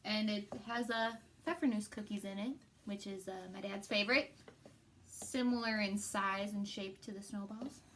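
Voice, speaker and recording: A woman's voice: medium pitch, steady tone, moderate pace, fairly bright tone. Teasing young Midwestern woman, noisy kitchen. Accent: Upper Midwest American. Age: young adult. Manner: teasing, dry remarks. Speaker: daughter helping on a cooking show. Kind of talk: casual kitchen chat.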